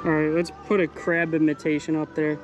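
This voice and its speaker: Young male outdoors vlogger, higher pitch, upbeat chatter from a boat, action-cam sound with background music. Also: brisk. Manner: excited, chatty, calls viewers "guys" and "bro". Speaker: fishing vlogger host. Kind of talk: casual running commentary. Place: outdoors on a small boat on a bay. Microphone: body-worn action camera. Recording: music playing underneath.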